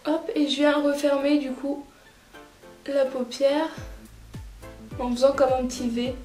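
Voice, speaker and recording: A woman narrating a makeup tutorial as a vlogger, chatty and relaxed with lots of filler words. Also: high-pitched, unhurried. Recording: roomy echoey room, faint music.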